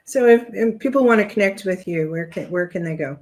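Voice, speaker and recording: A woman hosting a casual podcast interview, giving brief affirming replies and a relaxed wrap-up. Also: mid-range voice, brisk. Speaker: podcast host.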